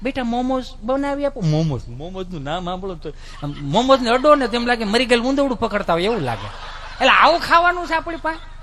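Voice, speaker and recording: Lively high-voiced comedian. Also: male voice, fast, a crowd in the background. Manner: lively, mimics relatives and children. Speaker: stand-up comedian. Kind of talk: folksy stand-up storytelling.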